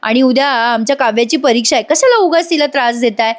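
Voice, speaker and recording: A woman's voice: high voice, expressive, quick pace. A woman voicing a protective middle-aged mother who reproaches her sister-in-law. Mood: reproachful.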